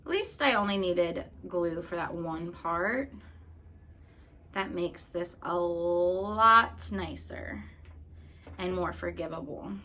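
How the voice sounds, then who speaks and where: A woman's voice: on the low side, takes it slowly, pushed and bright, slight background noise. A woman in her late twenties, chatting casually and playfully, rambling while she makes crafts. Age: late 20s. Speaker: craft vlogger.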